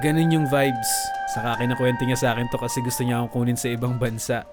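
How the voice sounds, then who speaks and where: A young man from the Philippines narrating a comedic storytime for an animated video, with playful jokey asides to viewers. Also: mid-range voice, fast. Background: background music.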